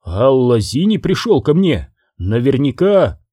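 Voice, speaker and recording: A man's voice: mid-range voice, very animated, measured pace, dark tone, husky, no echo, studio quality. A male audiobook reader voicing a defensive hitman who grumbles and mumbles excuses to his boss.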